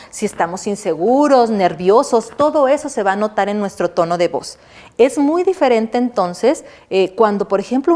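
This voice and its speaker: A middle-aged woman, a university lecturer giving a recorded online lesson. She asks her listeners questions, answers them herself, and keeps checking in with a quick "right?". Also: mid-range voice, a little mellow.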